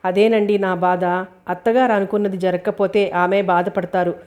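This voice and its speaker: A woman voicing a young pregnant wife who speaks gently and worriedly. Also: medium pitch, flat delivery, normal speed, close to an everyday voice. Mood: anxious.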